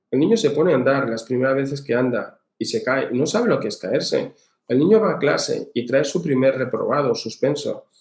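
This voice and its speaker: A man's voice: medium pitch, a little mellow. A man giving a recorded lecture on emotional education, explaining patiently with examples and rhetorical questions. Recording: echoey room.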